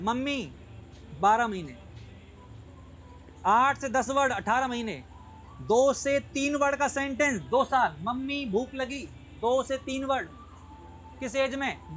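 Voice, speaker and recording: A man's voice: very high voice, fairly bright tone, a little hiss or hum, low-quality recording. A man teaching a lesson, repeating key points and often checking if his students follow, mixing English terms into his speech. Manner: repetitive, drilling, checks understanding often. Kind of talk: online lecture.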